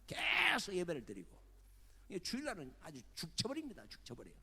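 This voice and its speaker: An older male pastor preaching in a high, husky voice, swinging widely in pitch as he tells stories. His words ring out with long reverb through a big church hall. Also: a little fast. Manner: lively storytelling, acting out the people in his stories. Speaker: retired senior pastor. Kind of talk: sermon.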